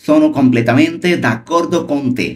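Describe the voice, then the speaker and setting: A man teaching a language lesson, repeating each phrase and saying foreign words very slowly and loudly. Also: fairly high pitch. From Bangladesh.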